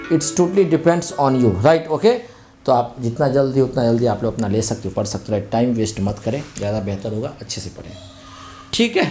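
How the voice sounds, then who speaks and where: A man's voice: medium pitch, normal speed, warm tone, soft background music. A man teaching an online exam-prep lesson in a chatty, conversational way, mixing English words into his Hindi and repeating tag phrases.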